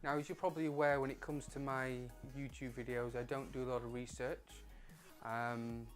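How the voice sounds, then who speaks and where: Male vlog host, casual rambling delivery, mid-pitched, faint music underneath. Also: level tone, moderate pace. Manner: loose, chatty, with frequent fillers and offhand swearing.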